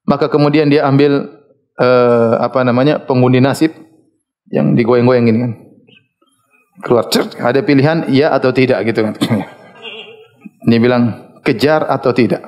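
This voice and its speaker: A man giving an Islamic study lecture. He tells the story in a lively way, chuckling often and stopping to search for words. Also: mid-range voice, normal speed, long pauses. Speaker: Islamic preacher.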